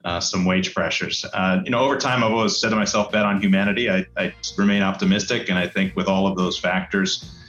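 Male financial expert guest, conversational explainer, slightly low voice, roomy recording. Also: fairly even intonation, a little fast, a bit bright, soft background music. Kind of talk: conversational podcast interview answers. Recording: roomy, dull sound with faint noise.

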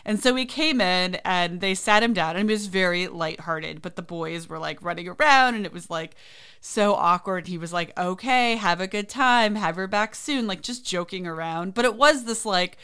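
A woman hosting a podcast, telling a personal story in a chatty, animated way and acting out the voices of people she quotes. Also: lowish voice, normal speed, clear, resonant tone. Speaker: podcast host. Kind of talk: casual storytelling.

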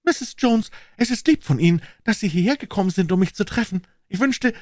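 Dude putting on a chirpy schoolgirl voice, fast and happy, storybook. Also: sits high, lively intonation, a little mellow, no echo, studio quality, pitched above the performer's own voice. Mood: cheerful. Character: cheerful, friendly young schoolgirl.

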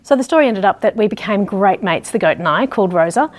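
A woman from Australia with an Australian accent, teaching through conversational storytelling in a halting, reflective way. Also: mid-range voice, expressive. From Ballarat, Australia. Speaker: dog grooming educator.

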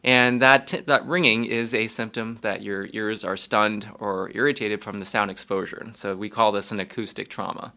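A man explaining ear health as a doctor on a podcast, calm and measured, with small restarts. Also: on the low side, creaky. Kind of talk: explaining medical facts.

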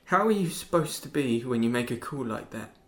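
A young man playing a bitter teenage boy accused of killing his father, talking in a sullen, cold and detached way that flares into shouts. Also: medium pitch, expressive, fairly quick, lightly acted. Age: young adult. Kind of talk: stage drama acting.

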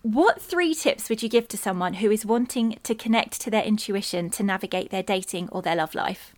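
A woman's voice: mid-range voice, a little fast. A woman hosting a podcast, asking interview questions in an encouraging way. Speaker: podcast host.

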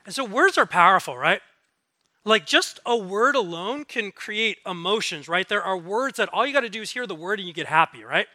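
Animated, bright-voiced male preacher. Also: sits high, normal speed, no echo. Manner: animated, conversational preaching with jokes and rhetorical questions. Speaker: guest speaker. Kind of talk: sermon.

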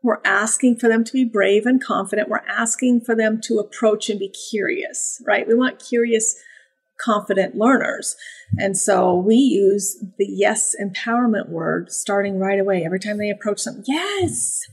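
A woman who breeds and trains puppies, chatting in a casual podcast, animated and sing-song when she acts out praise and puppy voices. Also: mid-range voice, moderate pace, husky.

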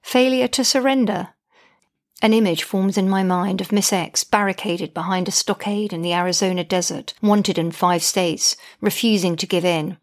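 Reading her own diary-style account aloud, a mother who narrates a podcast speaks in a slightly low voice. She comes across as indignant and exasperated, with a dry, wry edge. Her intonation stays fairly even, her pace is normal, and she barely pauses.

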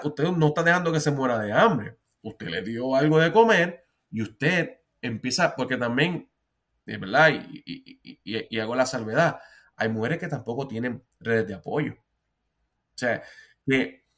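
A man's voice: medium pitch, a bit bright. A Puerto Rican therapist, a man who talks earnestly in a casual podcast chat, often restarting and repeating words. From Puerto Rico.

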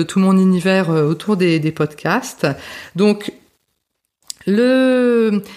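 A woman's voice: fairly low pitch, darkish tone. A middle-aged French woman hosting her own podcast, talking casually with frequent fillers and restarts. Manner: chatty, many fillers and restarts. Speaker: podcast host. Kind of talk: casual spoken monologue.

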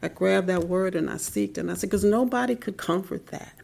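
Gravelly-voiced woman sharing her faith. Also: mid-range voice, brisk. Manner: heartfelt, soft-spoken, drops to whispers. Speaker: interviewee. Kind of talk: personal faith testimony.

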